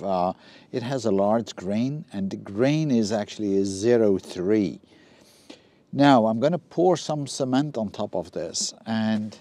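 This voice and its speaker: A man's voice: mid-range voice, mellow. Practical man explaining his yard work. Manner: plain, practical, explains as he works with frequent ums and uhs. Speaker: DIY renovation vlogger. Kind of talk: casual step-by-step narration. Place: outdoors in a garden yard.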